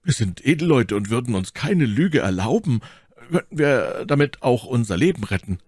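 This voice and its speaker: A man's voice: medium pitch, animated, moderate pace, no echo, voice pushed up. A man reading an audiobook, voicing a proud, dignified male musketeer in a firm, formal manner. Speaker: audiobook reader.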